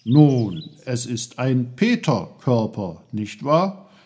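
A man's voice: mid-range voice, sing-song, slow, darkish tone, a little hiss or hum, pitched above the performer's own voice. A man voicing a fussy, know-it-all little uncle who lectures a boy. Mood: lecturing. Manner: busy, lecturing.

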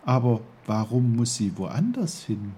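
An eager, puzzled young boy asks question after question in a higher, lively voice, as a man reading a storybook puts him on. The tone stays mellow and the delivery slow. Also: breathy edge, exaggerated voice. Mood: curious. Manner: eager, questioning, raised pitch.

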